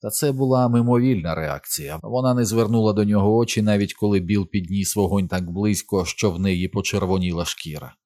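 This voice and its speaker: A man reading an audiobook as narrator in a steady, measured way. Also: fairly low pitch, no echo, studio quality. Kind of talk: scripted narration.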